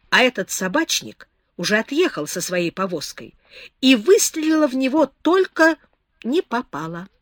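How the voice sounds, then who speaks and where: A woman's voice: on the high side, no echo, studio quality. A woman voicing a capricious, tipsy young woman in an audiobook, whimsical and dreamy. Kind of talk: audiobook character reading.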